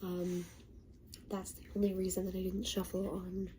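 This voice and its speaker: A tarot reader with a cold gives a casual spiritual talk in a stuffy, congested, lowish voice, speaking softly and hesitantly in a monotone half-whisper. She pauses on many ums and seems self-conscious about how she sounds, with slight background noise.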